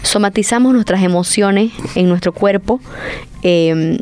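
A woman's voice: mid-range voice, measured pace, a little mellow, smooth. A woman co-hosting a radio talk program, speaking earnestly and explaining things at length, using the informal "vos" forms. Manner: earnest, explanatory, uses voseo.

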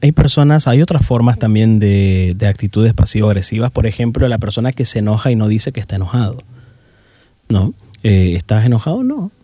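A man's voice: lowish voice, animated, fairly quick, mellow, no room sound. A man in casual conversation, who explains and acts out examples in other voices.

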